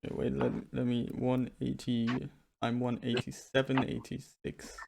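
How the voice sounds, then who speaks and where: Young serbian guy cohosting a podcast, loose playful chat, mid pitch. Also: monotone, moderate pace, vocal fry, noisy background. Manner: joking, restarts a lot, loose and playful. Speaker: podcast co-host. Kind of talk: casual chat.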